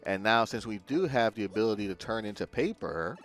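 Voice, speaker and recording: Male gaming host, lowish voice, casual let's-play commentary over faint game music. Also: expressive, fairly quick, a bit bright.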